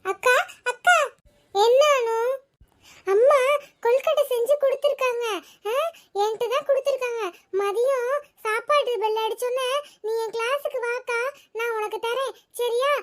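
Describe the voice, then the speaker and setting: A woman voicing a cheerful little schoolgirl who chatters eagerly and in a hurry. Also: very high-pitched. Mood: chirpy. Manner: chirpy, hurried.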